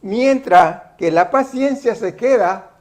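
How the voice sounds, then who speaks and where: Guy teaching bible study, kinda high voice, talks real slow, explains each word carefully. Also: expressive. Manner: deliberate, explains terms step by step.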